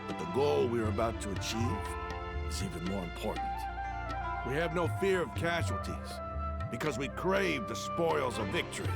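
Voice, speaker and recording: An actor playing a proud, resolute desert warrior leader in a video game, speaking in an earnest, declamatory way. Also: male voice, mid-range voice, creaky.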